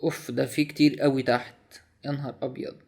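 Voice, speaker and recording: A man's voice: mid-range voice, flat delivery, fast, vocal fry, darkish tone. A young man with an Egyptian Arabic accent casually walks through a language app on screen, often exclaiming in surprise. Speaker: YouTuber reviewing a language app.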